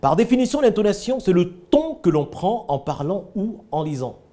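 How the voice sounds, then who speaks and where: A man teaching public speaking, emphatic and lively, acting out examples and asking the audience rhetorical questions. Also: high voice, normal speed.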